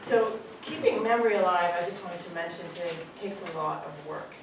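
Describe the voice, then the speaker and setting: A Canadian woman with a lowish, fairly quick voice gives a graduation speech as a parent in a school hall full of pupils. She is warm and jokey with frequent ums, captured by a distant camera that picks up the hall's echo and room noise.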